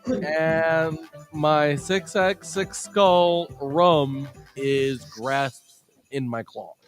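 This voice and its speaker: A man's voice: on the high side, extremely slow, soft background music. A man chatting casually as a player in a tabletop game, describing his character.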